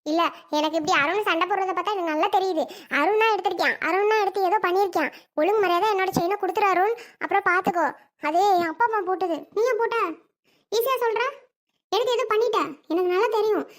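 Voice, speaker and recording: A woman's voice: very high-pitched, fast. A woman playing a stubborn young wife in a family skit, who insists and accuses. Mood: accusing. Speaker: Soni, a daughter-in-law in a family skit. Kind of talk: family comedy skit acting.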